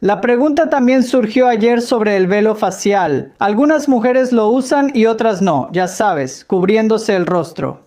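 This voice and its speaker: Her voice is a little high, warm, and animated, moving slightly slowly with few pauses. She fields audience questions about Islam in a Spanish voice-over Q&A lecture, patiently explaining and testing her listeners with gentle humor.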